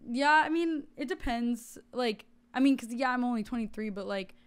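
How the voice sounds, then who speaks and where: Young woman podcast guest, chatty, lots of "like", smooth voice. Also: a little high, moderate pace. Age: 20s. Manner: chatty, giggly, lots of fillers. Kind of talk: casual chat.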